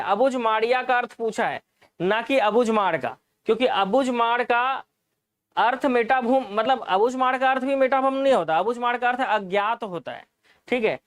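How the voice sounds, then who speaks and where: A man's voice: very high voice, clean tone, no echo. A man teaching an exam-prep lesson, explaining answers, repeating key points and asking the class rhetorical questions.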